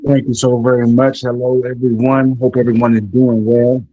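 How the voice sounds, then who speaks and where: A man's voice: medium pitch, flat delivery, moderate pace, no room sound, soft background music. A man joining a live show as a guest, talking politely and evenly, his voice muffled as if heard through a wall. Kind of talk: casual chat. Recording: muffled lo-fi remote mic line.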